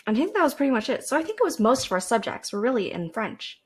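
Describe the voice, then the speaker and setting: A woman's voice: fairly high pitch, big pitch swings, quick pace, husky. A young woman from Canada, hosting a podcast and rambling casually into a desk microphone, chatty and self-deprecating, with fillers and restarts. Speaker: podcast host. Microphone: desk microphone with a cord.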